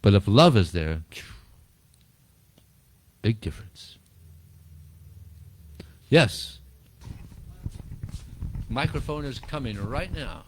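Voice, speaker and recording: A man giving a relaxed spiritual talk to a small group, chuckling often and repeating words as he answers questions. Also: mid-range voice, slow, pauses often, a little hiss or hum. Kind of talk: informal talk and Q&A.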